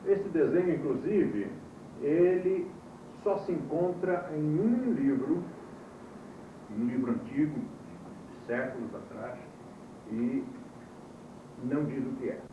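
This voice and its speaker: A man's voice: a little high, takes it slowly, long pauses, distant mic, noisy background. A man teaching a classroom course, telling stories in a wry way and quizzing his students, heard from an old VHS tape recording. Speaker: course instructor. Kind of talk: classroom lecture. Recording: muffled, echoey old VHS tape from afar.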